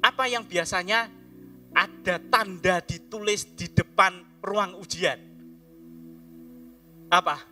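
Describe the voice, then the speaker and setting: A male pastor giving an animated sermon, swinging from loud calls to hushed words. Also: high-pitched, slow pace, pauses often, soft background music.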